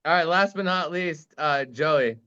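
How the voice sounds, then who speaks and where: A man hosting a casual band interview, chatting excitably in slangy bro talk. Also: fairly high pitch, a little slow, clear, resonant tone. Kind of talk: casual chat. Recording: dull lo-fi sound.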